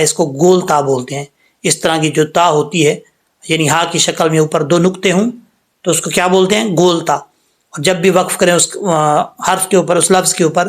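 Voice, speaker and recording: High-voiced man teaching Quran recitation. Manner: explains rules patiently, then slowly recites words aloud. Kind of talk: word-by-word recitation lesson.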